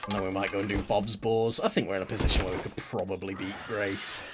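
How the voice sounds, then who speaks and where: A man's voice: fairly low pitch, fast. Goofy guy streaming a game at home, rambly chat, hiss in the background. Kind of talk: live game stream commentary. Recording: steady background noise.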